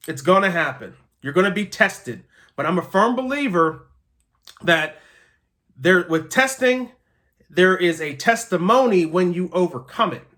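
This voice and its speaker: Man, motivational pep talk, high-pitched, forceful bright tone, emphatic, earnest, repetitive phrasing. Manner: earnest, emphatic, repeats key phrases, checks in with listeners. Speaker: motivational podcast host.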